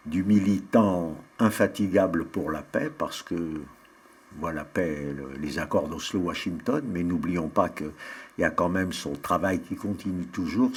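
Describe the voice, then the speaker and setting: Male interviewer, deep voice, formal and measured, a few fillers.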